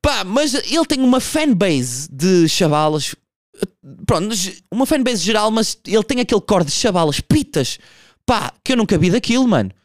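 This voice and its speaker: A man's voice: high voice, normal speed, no room sound. Young guy doing standup, swears a lot, voice all over the place, dry mic. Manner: casual, profane, animated storytelling with vocal impressions. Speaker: stand-up comedian. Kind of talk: stand-up comedy monologue.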